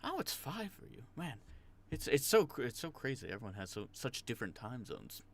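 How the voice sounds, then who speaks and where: A man's voice: medium pitch, big pitch swings, a little fast. A young man hosting a late-night live stream, chatting casually, rambling, greeting his chat by name and laughing often.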